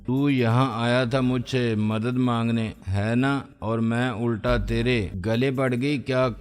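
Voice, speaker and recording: Bold, bossy young woman who teases and scolds, read by a male narrator; smooth, level delivery. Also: mid-range voice, steady tone, soft background music, natural voice. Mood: teasing.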